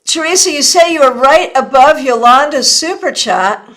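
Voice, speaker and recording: A woman's voice: sits high, lively intonation, fairly bright tone. A woman with hiccups giving tarot readings on a live stream, chatty and often apologizing. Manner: apologetic, chatty, quick answers to viewers.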